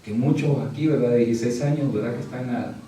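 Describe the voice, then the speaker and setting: A man preaching a sermon as pastor, shifting from quiet storytelling to loud, high-pitched exhortation and calling the listeners brother. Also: quick pace, a little hiss or hum. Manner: keeps addressing the congregation as brother. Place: church hall. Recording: very echoey hall, mic from a distance.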